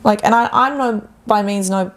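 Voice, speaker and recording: A woman health coach talking casually on a podcast, acting out the inner voices of her clients with animated turns. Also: mid-range voice, moderate pace.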